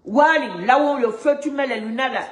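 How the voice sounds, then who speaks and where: A woman's voice: high voice, moderate pace. Indignant woman ranting in an echoey room. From Gabon. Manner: indignant, repeats words when stuck. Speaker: activist vlogger. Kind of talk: heated ranting monologue.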